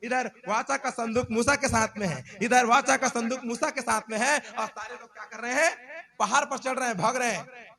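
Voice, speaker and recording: A pastor preaching a sermon, dramatic, sometimes shouting warnings and calling out hallelujah. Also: male voice, very high voice, fairly even intonation, moderate pace, vocal fry.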